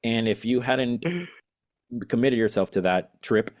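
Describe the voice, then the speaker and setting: A man's voice: medium pitch, measured pace. A man from Venezuela, a musician guest on a podcast, chatting eagerly and rambling with many fillers and restarts. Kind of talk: casual interview chat.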